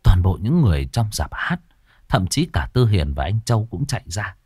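A man narrating a ghost story in a dramatic, expressive way. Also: low voice, normal speed, slightly rough, soft background music.

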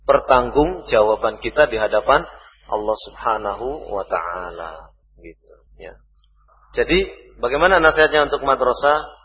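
A man's voice: medium pitch, slightly rough. A man with an Indonesian accent giving a religious study talk, reading out questions and answering them, saying "ya" again and again. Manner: repeats "ya" often, reads questions then answers. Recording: lo-fi reverberant hall recording.

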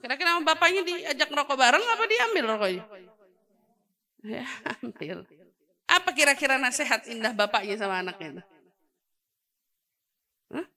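A high, bright woman preaching with a lilt. She talks casually and playfully, slipping in and out of acted-out quotes and chuckles. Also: moderate pace, pauses often. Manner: lively, acts out quoted voices, laughs often. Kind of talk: sermon to women.

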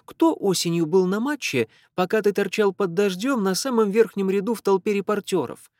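A man reading aloud voices a stubborn, bratty teenage girl who talks fast and defiantly. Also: sits high, big pitch swings, darkish tone, dry recording, studio quality, pitched above the performer's own voice. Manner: insistent, quick, defiant.

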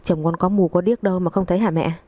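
A woman voicing a defiant, sharp-tongued young wife who answers back coolly and cuttingly. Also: lowish voice, steady tone, fast talker, lightly acted. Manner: cool, mocking, cutting.

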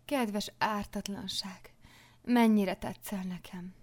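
A woman's voice: mid-range voice, fairly even intonation, a little mellow, natural voice. A woman reading as a tender, breathless abbess. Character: tender, passionate female convent abbess. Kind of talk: audiobook reading.

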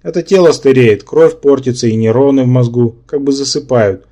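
A man's voice: medium pitch, warm tone, close to an everyday voice. A man voicing a male brain-polyp symbiont who lectures and argues, in an audiobook. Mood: lecturing. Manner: lecturing, quick to take offence.

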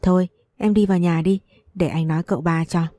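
A woman voicing a kind, soft-spoken young gentleman. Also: lowish voice, steady tone, normal speed, no room sound, clean studio sound, natural voice.

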